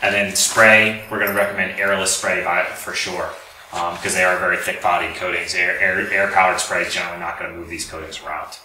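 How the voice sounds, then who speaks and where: A man with a low, bright, forceful voice and little pitch movement talks a little fast. As a lecturer and company representative, he gives an informal, explanatory technical presentation to an audience in an indoor lecture room. The distant mic makes the sound roomy, with faint background noise.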